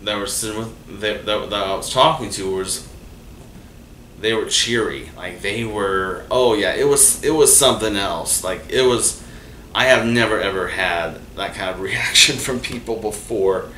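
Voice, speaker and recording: A man's voice: lowish voice, a little slow. A man hosting, telling his own stories in a casual, rambling way with many fillers and restarts. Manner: rambling, full of fillers and restarts, animated when quoting people. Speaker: host. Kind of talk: casual storytelling monologue. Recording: echoey room from far off, faint noise.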